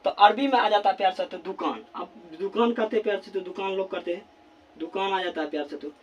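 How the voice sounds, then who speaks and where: Man teaching at a board, high voice, repeats words while writing, faint noise behind. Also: dull audio. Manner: repeats words slowly while writing, constant filler phrase. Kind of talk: classroom grammar lesson at a board. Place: classroom with a board.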